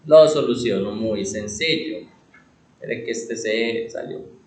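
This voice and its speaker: A man's voice: on the low side, darkish tone. Man teaching in an echoey classroom. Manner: asks rhetorical questions and answers them himself; repeats key words, stretches words slowly for emphasis. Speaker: computer class instructor. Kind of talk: classroom teaching with questions to students.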